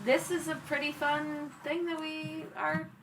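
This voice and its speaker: A woman's voice: high voice, little pitch movement, a little slow, a bit bright, slight background noise, rough recording. A woman hosting an open mic, chatting in an upbeat, agreeable way with her guest. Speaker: host. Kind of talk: casual chat.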